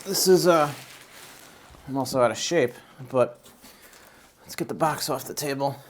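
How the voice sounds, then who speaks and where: A man's voice: medium pitch, normal speed, a little hiss or hum. A man with a mid-range voice chats his way through a product unboxing, loose and rambling. He fills his talk with "uh" and "um" and keeps circling back and restarting his sentences. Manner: rambling, chatty, many fillers and restarts. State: out of breath. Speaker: YouTube channel host. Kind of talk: casual unboxing and product review.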